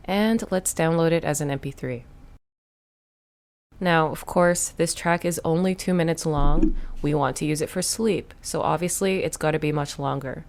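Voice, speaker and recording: A woman hosting a step-by-step software tutorial, explaining each click in a plain, instructive way. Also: deep voice, moderate pace, a little hiss or hum. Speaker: tutorial host.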